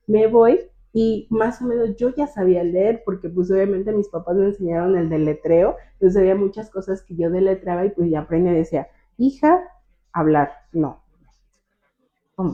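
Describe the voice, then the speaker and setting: A woman's voice: lowish voice, normal speed. A young woman guest telling her childhood story in an interview, acting out the voices of her teacher and family as she goes. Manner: animated, acts out quoted voices of teachers and family. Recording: tinny phone-like line.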